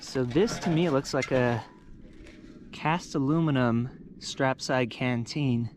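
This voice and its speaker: A man's voice: medium pitch, slow pace, background noise. A young man talking casually to camera as he hikes outdoors on a mountain slope, explaining what he finds as he goes. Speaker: outdoor explorer and vlogger. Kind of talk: casual narration to camera while hiking.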